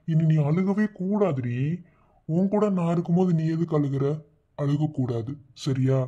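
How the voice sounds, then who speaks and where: A man playing a doting cartoon fiancé with a Madurai Tamil accent and a warm, mellow voice. He talks reassuringly and teases affectionately. The audio sounds muffled and lo-fi. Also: medium pitch, breathy edge, natural voice. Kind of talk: cartoon voice acting.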